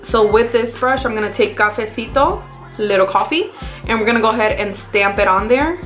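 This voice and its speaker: A woman's voice: on the high side, a little fast, a bit bright, faint music behind. A woman with a Mexican accent, chatting casually through a makeup tutorial as a beauty vlogger and talking viewers through each step.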